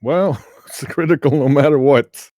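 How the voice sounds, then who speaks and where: A man running a tabletop game as game master, narrating turns in a relaxed, wry, chatty way. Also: on the high side, moderate pace, dry recording, studio quality.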